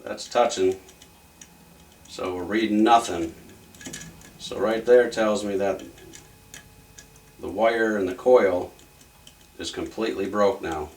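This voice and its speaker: An electronics repair hobbyist demonstrates a fix, narrating off the cuff in a folksy, rambling way as he thinks aloud. His voice is fairly low and a bit dark, slow, with long pauses. A distant mic picks up faint background noise.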